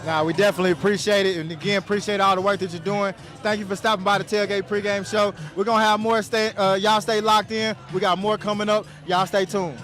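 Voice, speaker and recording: A man's voice: high-pitched, little pitch movement, fast, few pauses, fairly bright tone, soft background music. A man hosting an outdoor interview, friendly and casual. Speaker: host. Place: outdoor tailgate.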